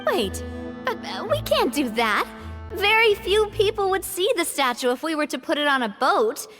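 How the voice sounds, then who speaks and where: With soft music behind her, a woman voices a confident, cheerful, gracious young lady boss in a video game. Her high-pitched voice moves at normal speed, bright, animated, and encouraging, with a thoughtful mood.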